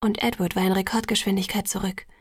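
A woman narrating a novel in the first person in a measured audiobook reading, lightly lifting her voice for the characters. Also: mid-range voice, level tone, breathy edge, dry recording, studio quality.

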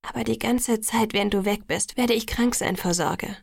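A woman's voice: fairly high pitch, moderate pace, gravelly, no echo, studio quality. A woman voicing an anxious, guilty young woman. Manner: defensive, anxious, self-reproaching.

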